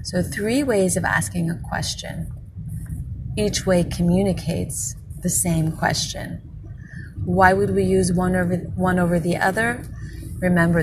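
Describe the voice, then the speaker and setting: A woman with a slightly low voice teaches grammar over loud, rumbling background noise. She explains step by step, pausing to think aloud, and pronounces each example phrase with careful, deliberate enunciation. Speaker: French language teacher.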